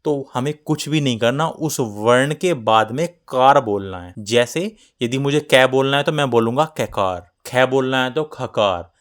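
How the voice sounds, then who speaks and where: A man's voice: medium pitch, normal speed, hardly any pauses. A man teaching a Hindi grammar lesson for exam students, explaining step by step and speaking directly to the class over a close voice-over mic.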